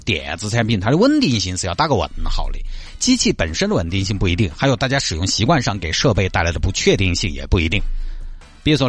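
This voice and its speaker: A man with a fairly low voice and very animated intonation speaks as a radio host in a Sichuan accent. He comments on the news in a casual, chatty way, putting rhetorical questions to his listeners.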